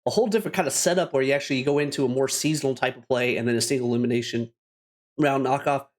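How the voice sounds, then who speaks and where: A man's voice: medium pitch, racing. A man from Canada hosting a casual gaming podcast, upbeat and laughing often, with loose restarts. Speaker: podcast host.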